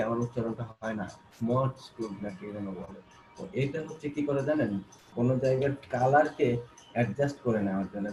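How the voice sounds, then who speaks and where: A man teaching a graphic design class, walking through software tools step by step, repeating himself and coaxing learners to look closely, with many fillers and restarts. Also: mid-range voice, background noise. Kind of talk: screen-recorded software tutorial.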